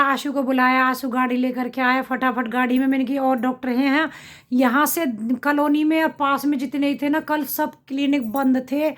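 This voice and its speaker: A middle-aged woman with a slight cough, chatting to her viewers in a rambling account of her family's day. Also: high voice. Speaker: family vlogger. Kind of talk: casual vlog talk to camera.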